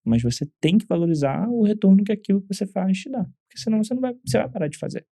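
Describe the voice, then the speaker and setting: A Brazilian man with a Brazilian Portuguese accent, co-hosting a podcast in a quick, emphatic, opinionated way. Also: sits high, animated, vocal fry, dark tone, no echo, studio quality. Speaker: podcast co-host. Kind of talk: casual podcast chat.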